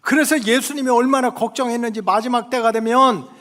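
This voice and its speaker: A middle-aged man preaching a sermon in a church, telling stories in a chatty way and checking in with the congregation, his delivery swinging between loud exclamations and hushed whispers. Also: extremely high pitch, steady tone, a little fast. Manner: colloquial storytelling, frequent "응?" to the congregation. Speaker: pastor. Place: church sanctuary. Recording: long hall reverb of a church sanctuary.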